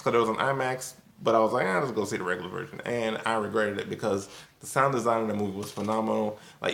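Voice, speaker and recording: A male video reviewer with a medium-pitched, fairly bright voice talks to viewers in a casual, somewhat loose, conversational way. The recording sounds roomy and echoing.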